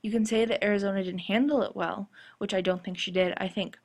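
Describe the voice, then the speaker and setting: A woman with a slightly gravelly, husky voice from a sore throat presents podcast commentary. She explains her points in a measured way, at a middle pitch. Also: steady tone. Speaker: podcast host. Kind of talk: scripted-sounding TV fan commentary podcast.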